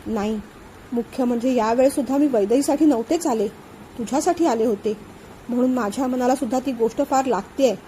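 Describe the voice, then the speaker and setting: Aarohi is an anxious young woman in love, guilt pressing on her, speaking softly and pleadingly in a storybook, as a woman narrator reads her. She sounds high and mellow, slightly lower and quieter than the narration. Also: fairly quick, slight background noise, lightly acted, low-quality recording. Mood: guilty, pleading.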